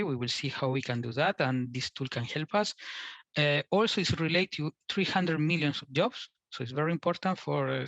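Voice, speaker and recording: Halting Chilean-born man giving a talk. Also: on the high side, a bit bright, dry recording. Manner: halting, repeats words, non-native phrasing. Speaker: invited speaker. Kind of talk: conference talk.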